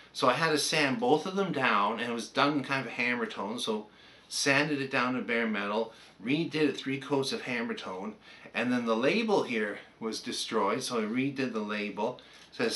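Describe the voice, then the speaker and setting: Speaking at medium pitch with a bright, forceful tone, an older Canadian-accented man swaps stories and memories in a relaxed way, much like a hobbyist vlogger.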